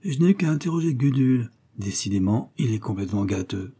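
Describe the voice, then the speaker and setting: A man's voice: expressive, fast talker, dark tone, slightly rough. A man voicing a sardonic male accountant who grumbles sourly under his breath in a storybook reading. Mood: sour grumbling. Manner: low, sour, muttering.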